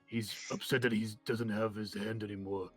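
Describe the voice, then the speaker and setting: A man voicing a big, affectionate male orc warrior, hesitant and protective, dropping to a hushed confiding tone. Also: on the low side, flat delivery, normal speed, slightly rough, no room sound, soft background music.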